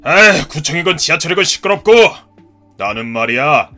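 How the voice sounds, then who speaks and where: A man voicing a gruff, hot-tempered ex-marine father in his fifties who scolds and shouts in a cartoon story. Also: a little high, animated, normal speed, soft background music, voice pushed down. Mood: furious. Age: 50s.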